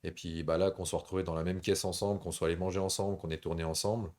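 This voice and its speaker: A man hosting a live stream with a low, radio-presenter voice. He tells stories in a casual, conversational way that is easy to follow. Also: little pitch movement, racing, a little mellow. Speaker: host of a combat sports stream.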